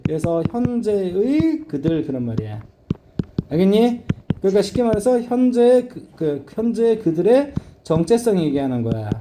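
High and sing-song, this middle-aged man teaches an English reading lesson over a noisy background. His classroom lecture is blunt and casual, and he keeps firing quick questions to check whether his students understand.

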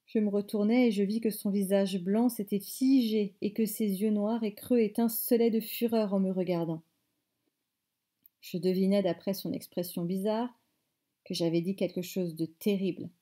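A woman teacher reading a novel aloud in measured phrases, stopping to explain words. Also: mid-range voice, fairly even intonation, dark tone. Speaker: French teacher.

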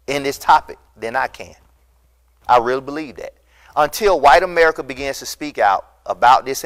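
Preaching into a lapel mic, a middle-aged pastor records a sermon in an empty church hall, and his medium-pitched voice grows impassioned and emphatic, reaching loud peaks.

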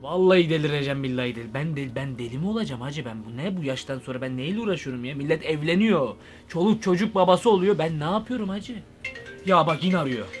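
A young man doing a comic vlog monologue, excitable and rambling, full of slang. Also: on the high side. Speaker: YouTube comedian.

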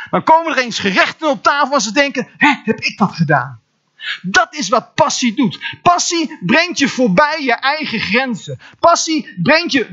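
A man with a Dutch accent preaching from a church pulpit, his high, bright voice swinging widely in pitch. He stumbles over repeated words and bursts into sudden exclamations. The recording sounds dull and lo-fi. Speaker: pastor. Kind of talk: sermon. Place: church hall.

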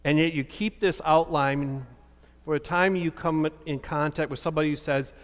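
Long hall reverb follows every phrase as a fifty-something pastor preaches at normal speed from a lectern in a big church. His voice is high for a man, and he answers his own rhetorical questions with lively emphasis.

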